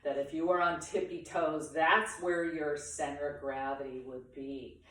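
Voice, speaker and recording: Slow, low-voiced woman in an echoey room. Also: steady tone, fairly bright tone. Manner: talks through movements in short, pausing instructional phrases. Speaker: tai chi instructor. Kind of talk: guided movement lesson for beginners. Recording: very echoey room, far from the mic.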